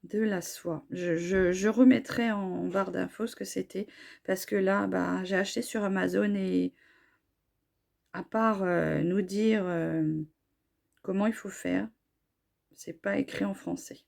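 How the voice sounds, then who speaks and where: A middle-aged woman with a hoarse voice from a cold, chatting casually about her hair products with many fillers and restarts. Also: mid-range voice, steady tone, slow, a little mellow. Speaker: beauty vlogger.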